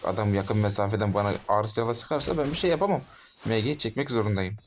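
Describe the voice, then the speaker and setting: A man in his twenties giving live gameplay commentary as a gaming YouTuber, talking to himself and his opponents and bursting into frustrated shouts. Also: fairly low pitch, fast, slight background noise. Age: 20s. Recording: game gunfire and clicks behind voice. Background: gunshots and game sounds.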